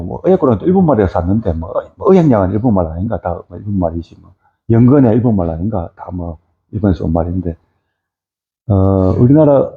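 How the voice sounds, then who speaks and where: A middle-aged man giving an informal lecture on fisheries, rambling with many fillers and tag questions. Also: fairly low pitch. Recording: tinny phone-like audio.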